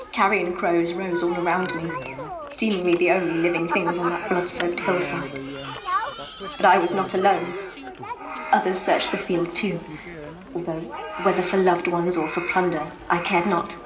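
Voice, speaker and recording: A woman's voice: fairly low pitch, fairly even intonation, moderate pace, reverberant, background noise, natural voice. A woman playing a grieving medieval noblewoman, speaking in solemn archaic phrasing. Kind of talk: dramatic historical monologue.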